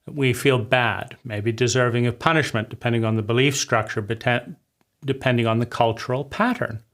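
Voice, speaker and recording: A man giving a reflective talk on psychology, often asking "right?" and acting out quoted voices with sudden rises in pitch. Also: fairly even intonation, fairly quick, fairly bright tone. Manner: acts out quoted voices with big pitch jumps; repeats words and says "right?" often. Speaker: speaker on psychology.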